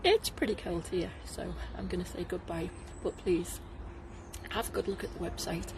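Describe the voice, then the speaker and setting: Outdoors at a garden site, a middle-aged tour guide from Liverpool, England chats casually to the camera, laughing often. Her lowish voice moves at a normal speed with plenty of noise in the background.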